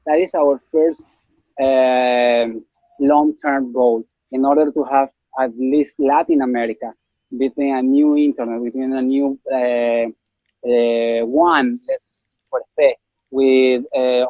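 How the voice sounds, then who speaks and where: A man's voice: medium pitch, fairly even intonation, takes it slowly, dry recording, phone-quality sound. A man from Ecuador with a Spanish accent, speaking casually as an interview guest with many fillers and restarts.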